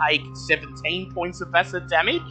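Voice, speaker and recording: A man's voice: sits high, steady tone, moderate pace, bright, forceful tone. A man working as game master, narrating a tabletop fantasy game dramatically and calling out rulings. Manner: dramatic descriptions, echoes players' numbers back. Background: music.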